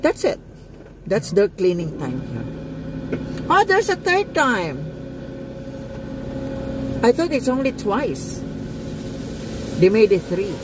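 A woman's voice: mid-range voice, very animated, slow pace, long pauses. A woman with a Filipino accent narrating a casual vlog from inside a car, mixing Tagalog words into her English, recorded on a phone. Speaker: vlogger. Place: inside a car going through a car wash. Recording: loud car wash noise behind.

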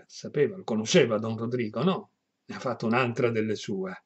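A man's voice: on the low side, brisk, breathy edge, lo-fi sound. A man reading a classic novel aloud and commenting on it in a conversational, explanatory way, with frequent "no?" asides.

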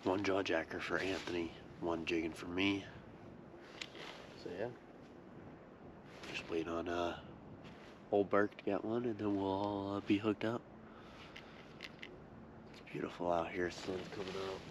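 A man's voice: deep voice, fairly even intonation, a little slow, pauses often, far from the mic. A young man talking casually to the camera while ice fishing outdoors on a frozen lake, upbeat and easygoing with plenty of fillers. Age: young adult. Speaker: angler filming his fishing trip. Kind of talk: casual vlog talk to camera. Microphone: action camera close by. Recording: outdoor wind and ice noise.

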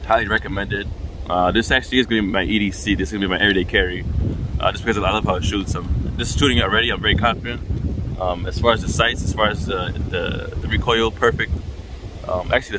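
Low-voiced young man, halting casual review. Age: young adult. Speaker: gun review vlogger. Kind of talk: casual chat to camera. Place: outdoors at a snowy shooting range. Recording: faint outdoor background noise.

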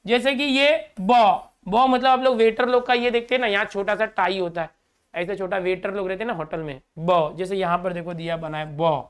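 A middle-aged Indian man giving a lesson in a smooth, clear voice. He repeats each word several times, mixes English terms into his explanations and keeps checking that the students follow him. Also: high voice, fairly even intonation, normal speed. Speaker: teacher. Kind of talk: classroom lecture.

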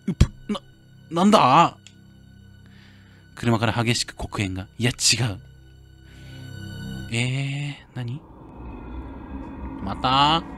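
A male game streamer playing a horror game, reading the story text softly and breaking into loud, excited outbursts between lines. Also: medium pitch. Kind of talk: horror game playthrough, reading dialogue aloud with commentary.

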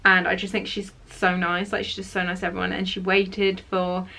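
Bright, chatty young woman. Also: medium pitch, completely flat delivery, brisk, creaky. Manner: chatty, opinionated, lots of fillers. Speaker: vlogger. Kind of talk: casual chat. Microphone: camera mic.

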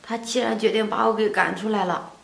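A young woman playing a pregnant daughter who speaks softly and politely. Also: mid-range voice, fairly even intonation, a little fast, creaky, echoey room, rough recording. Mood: subdued. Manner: soft, subdued, polite. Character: gentle pregnant young woman cast out by family.

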